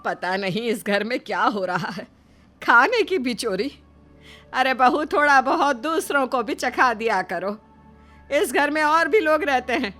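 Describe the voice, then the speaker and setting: A woman voicing a stern older mother-in-law who scolds and accuses in a sharp, raised voice. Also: high-pitched, lively intonation, a little slow, soft background music, voice pushed up, full character voice. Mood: scolding.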